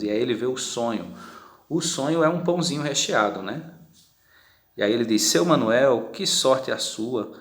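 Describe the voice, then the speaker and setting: A man, teaching a recorded grammar lesson. He explains patiently, often adds tag questions and draws out words when he gives examples. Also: medium pitch. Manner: drawn-out, slowed words when giving examples. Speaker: Portuguese teacher. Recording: echoey room.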